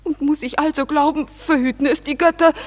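An actress playing Hermia, a jilted young woman in a classic radio play, swinging from bewildered to shrill rage. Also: steady tone, fairly quick, natural voice. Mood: furious. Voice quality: shifts from bewildered to shrill and raging.

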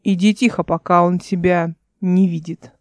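A woman reading the lines of a calm, knowing male spirit guide in an audiobook, matter-of-fact and quietly teasing. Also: lowish voice, normal speed, no echo, lightly acted.

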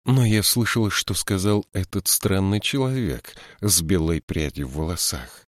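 A man's voice: low voice, lively intonation, moderate pace, no room sound, clean studio sound. A man voicing a fiery, frightened young troll woman who scolds her stubborn friend in an audiobook. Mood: earnest. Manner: scolding, sharp exasperated outbursts. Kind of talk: audiobook character voice.

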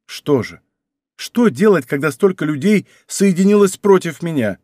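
Guy doing a young king torn up and hesitant, slightly higher voice, dry close mic. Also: lively intonation, moderate pace, dark tone, no echo. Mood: anguished. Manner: hesitant, anguished. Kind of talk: audiobook character reading.

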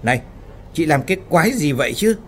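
A man voicing a hot-tempered, bullying male foreman who barks gruffly, in a spoken ghost story. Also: on the high side, sing-song, fast talker, a bit bright, a little hiss or hum, pitched above the performer's own voice. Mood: angry. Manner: gruff and barking.

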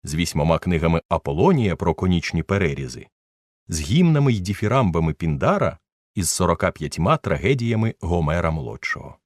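A man narrating a story as an audiobook reader, with expressive, ironic storytelling. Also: deep voice, brisk, no echo, studio quality. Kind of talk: scripted story reading.

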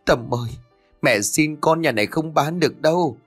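A man reading an audiobook, raising his voice to play an older, hard-working mother who scolds and pleads in shrill cries. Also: moderate pace, dry recording, faint music behind, close to an everyday voice. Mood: pleading. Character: older woman, poor toiling mother, desperate.

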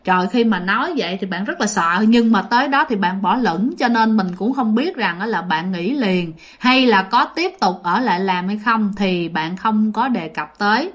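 A woman's voice: medium pitch, animated, moderate pace, hardly any pauses. A woman with a Southern Vietnamese accent casually telling a ghost story as host of her channel, rambling with fillers, her voice a little worn and sore. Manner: chatty, rambling, with many fillers.

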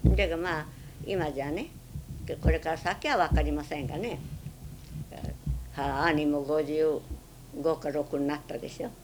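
An elderly Japanese woman speaks in a low voice with a western Japanese dialect. She reminisces plainly and haltingly, as an interviewee would, with a little noise on the recording. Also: fairly even intonation. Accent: western Japanese, Chugoku dialect. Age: 70s or older. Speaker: oral history interviewee.

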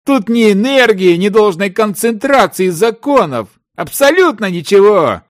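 A man doing a shouting, scolding desert merchant. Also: on the high side, wildly swooping pitch, normal speed, pitched above the performer's own voice. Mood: angry scolding. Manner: loud, shouting, mocking.

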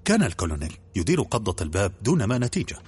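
Deep husky guy reading an audiobook fast, brisk and even. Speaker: audiobook narrator. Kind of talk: scripted audiobook narration.

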